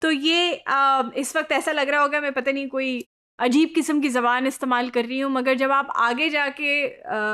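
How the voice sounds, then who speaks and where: A woman with a high-pitched voice delivers a recorded online lecture. She explains step by step in a patient teaching manner and drops English terms into her speech. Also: a bit bright, smooth. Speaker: online course instructor.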